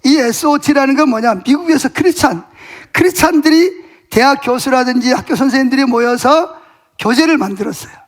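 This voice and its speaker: High-voiced pastor telling a lively sermon story. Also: male voice, a little fast. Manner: animated storytelling, acting out dialogue with God and others. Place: church sanctuary.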